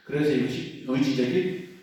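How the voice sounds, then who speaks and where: A middle-aged man giving a catechism lecture in a church hall, animated and acting out prayers in quoted voices. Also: medium pitch, moderate pace. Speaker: catechism teacher. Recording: very echoey room, voice from far off.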